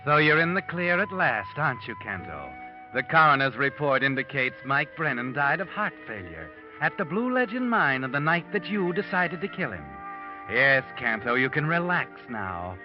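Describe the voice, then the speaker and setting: A man's voice: fairly high pitch, sing-song, moderate pace. A man voicing a mysterious narrator who speaks ominously to the guilty in a 1940s radio drama. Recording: dull old radio broadcast with music.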